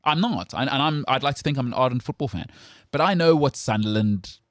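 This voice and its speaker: A man's voice: mid-range voice, lively intonation, fairly quick, no echo, clean studio sound. A South African man hosting a sports talk show, speaking in an opinionated, emphatic way with frequent restarts. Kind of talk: casual sports chat.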